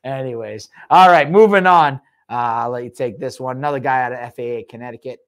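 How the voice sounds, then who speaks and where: A man's voice: mid-range voice, brisk. A man co-hosting a fight-promotion podcast, talking casually and rambling through fighter background stories, often laughing.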